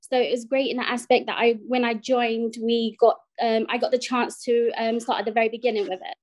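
A woman from the UK talks casually as an interview guest on a video call. She is chatty and says um often, and her voice sits fairly high. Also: level tone, brisk. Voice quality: chatty, filler-heavy. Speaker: guest pattern maker.

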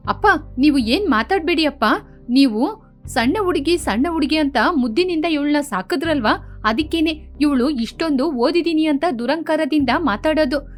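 A woman's voice: sits high, expressive, moderate pace, soft background music. A woman doing a stern scolding elder sister. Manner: scolding, lecturing. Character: stern older sister scolding her sibling.

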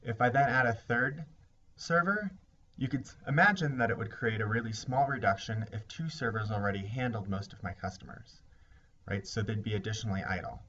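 Low-voiced man giving a lecture. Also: a bit bright. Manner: measured explanatory delivery. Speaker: instructor. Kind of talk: recorded lecture. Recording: slightly dull lo-fi recording with faint hiss.

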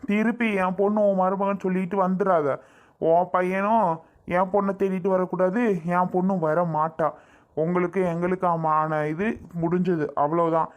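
A woman's voice: on the low side, natural voice. A woman playing a scornful middle-aged mother who coldly brushes off her daughter's in-laws. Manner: cold, dismissive. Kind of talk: family drama acting.

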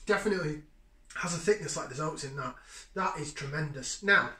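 A slightly high voice, pushed and bright and a little fast, belongs to a man in his thirties tasting beer in his kitchen. He's chatty and enthusiastic, sniffing and sipping as he reviews it casually. A fixed camera at table distance records him, and the kitchen echoes.

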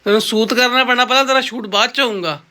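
Bright-voiced Punjabi woman vlogging, playfully teasing. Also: a little high, quick pace, a little hiss or hum. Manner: playful teasing, repeats words in baby talk. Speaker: family vlog host. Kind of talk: casual chat to camera and family.

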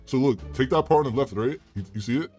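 A man's voice: medium pitch, fast, dark tone. A young man hosting prank video chats with strangers, casual, crude, foul-mouthed and teasing. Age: young adult. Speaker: host of a prank video chat show. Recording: music playing behind the talk.

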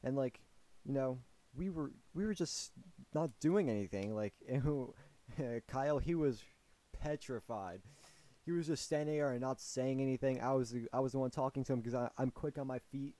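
A young man tells a story for his vlog audience in a loose, rambling way. He is full of fillers and restarts, and his voice sits mid-range with a mellow, soft tone. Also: medium pitch, normal speed. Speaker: vlogger.

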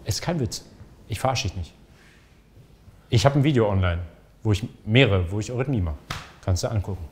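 A man's voice: on the low side, expressive, a little mellow, a little hiss or hum. A man hosting, chatting casually and joking while taking a dance lesson. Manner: jokey, quick agreeing replies. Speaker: host. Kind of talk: casual chat. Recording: dance music playing behind.

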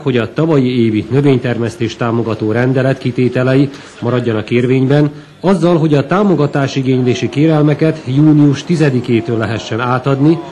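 A man reading a news report in a formal, even voice-over. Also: medium pitch, slight background noise. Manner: even, formal read delivery. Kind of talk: scripted news narration.

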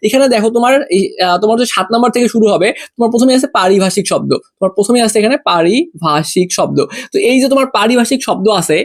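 A young man from Bangladesh tutoring exam students, talking fast and repeating key points as he walks them through a plan. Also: very high-pitched. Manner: rapid, repetitive, addresses students as brother. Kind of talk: fast exam-prep lesson.

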